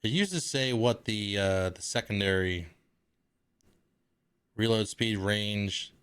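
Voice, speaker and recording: Thinking aloud and cursing without restraint, this livestreamer keeps up casual commentary on his game. His voice is on the low side, slow, smooth and a bit bright.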